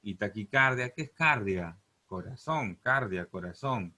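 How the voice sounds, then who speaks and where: Speaking on the low side, this man sounds animated yet unhurried, his tone sharp. He's a Peruvian Spanish-accented teacher giving a class on Greek roots, elongating key terms and dropping in "¿correcto?" and "¿te das cuenta?" to check in.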